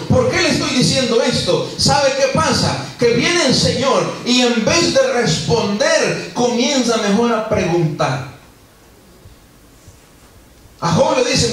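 A man's voice: very high voice, a bit bright, heavy reverb. A male pastor preaching a sermon, repeating phrases and speaking straight to the congregation. He is recorded from a distance in a church. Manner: preachy, repetitive, addresses the congregation directly. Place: church sanctuary.

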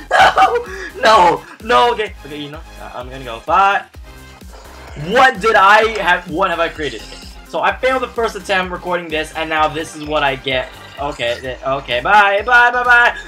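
A young man playing a video game and commenting, often yelping and shouting in panic as things go wrong. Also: high-pitched. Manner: frantic, yelps and shouts in panic. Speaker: gaming YouTuber. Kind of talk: let's play commentary.

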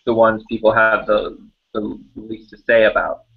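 A man's voice: lowish voice, completely flat delivery, moderate pace, vocal fry, slightly rough. A man co-hosting a casual puzzle podcast, talking in a loose, easygoing way with trailing phrases. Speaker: podcast co-host. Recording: dull lo-fi podcast audio.

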